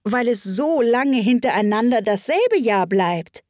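Woman doing a curious young storybook girl, eager and quick, high lifted voice, dry close sound. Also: animated, no room sound. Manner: eager, raised, bright girlish voice. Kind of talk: storybook reading.

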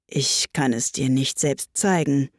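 Mock turtle played by a woman, storybook, sighing, mournful, very slow, breathy. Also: extremely low pitch, no room sound, studio quality, pitched below the performer's own voice.

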